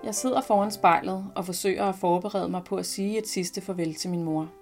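Calm Danish woman reading her story. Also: lowish voice, faint music behind. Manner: calm, reflective first-person reading. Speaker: podcast co-host reading her own text. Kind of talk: reading a personal short story aloud.

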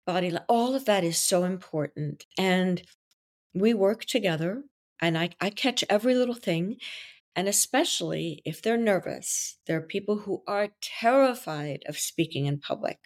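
On a podcast, this wedding coach and officiant from Belgium, French being her first language, talks about her work at a moderate pace. Her fairly low voice carries a confident, theatrical, expressive delivery.

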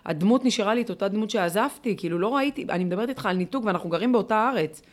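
A woman's voice: mid-range voice, lively intonation. A middle-aged woman being interviewed, telling a personal story in a heartfelt way, with many rhetorical questions and fillers. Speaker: interviewee, volunteer leader.

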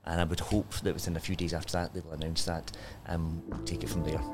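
A man's voice: deep voice, little pitch movement, fast talker, loud music behind the voice. A man with a Scottish accent, a striking union member speaking plainly with hesitant fillers. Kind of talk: casual interview talk.

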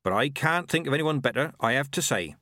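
A man voicing an old village witch and midwife who boasts cheerfully in a high, bouncy voice. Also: lively intonation, brisk, sharp tone, no room sound, clean studio sound. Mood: bustling.

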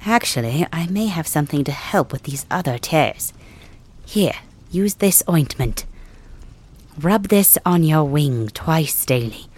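A woman acting out an old village healer who speaks in a hushed, soothing murmur at a patient's bedside. The voice sits very low and unhurried, with a husky, breathy grain. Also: lively intonation. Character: old male village healer, gentle and caring. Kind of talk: ASMR roleplay audio drama.

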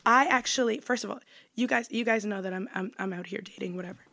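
Gravelly young woman, whispery storyteller. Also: medium pitch, quick pace. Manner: animated storyteller, laughs often. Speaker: podcast co-host. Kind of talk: casual chat.

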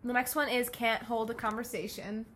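A woman's voice: a little high, level tone, moderate pace, a bit bright. A young woman co-hosting a podcast, chatting casually in a blunt, playful way and laughing often. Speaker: podcast co-host. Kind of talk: casual chat. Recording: faint ambient noise.

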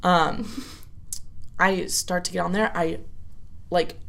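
A woman's voice: on the low side, steady tone, slow, vocal fry, a bit bright, a little hiss or hum. Giggly rambling young woman. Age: young adult. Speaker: co-host. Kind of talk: casual chat.

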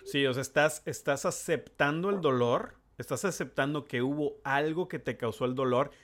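A middle-aged man, a neurologist, hosting a conversational interview, earnest and halting with frequent restarts. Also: fairly high pitch, fairly bright tone. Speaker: neurologist podcast host.

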